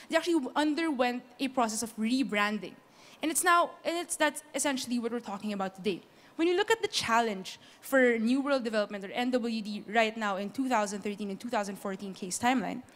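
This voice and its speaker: A woman's voice: fairly high pitch, in a large hall. Earnest young woman presenting a business case. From Philippines. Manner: earnest, lays out points in numbered order. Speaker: student case competition presenter.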